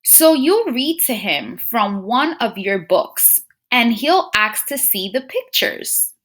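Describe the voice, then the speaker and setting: Reading a storybook to small children, a woman teacher with a very animated, fairly high voice takes her time. She is expressive, putting frequent questions straight to her little listeners and humming thoughtfully as she muses.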